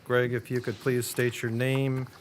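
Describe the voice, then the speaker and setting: City attorney, male, American. Average pitch, explanatory and informal wording in a legal setting, light room noise. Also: flat delivery, measured pace. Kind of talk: legal explanation and witness questioning. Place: public hearing room.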